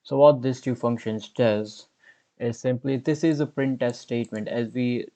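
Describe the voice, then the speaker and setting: This coding tutorial host, a man in his twenties, speaks at a medium pitch with fairly even intonation and a warm tone. In an unhurried screen recording, he types out code and explains each step along the way.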